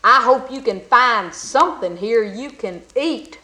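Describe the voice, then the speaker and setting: A woman voicing a mean, ornery old male blacksmith who talks gruffly and hollers his lines. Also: fairly high pitch, animated, measured pace, bright, forceful tone.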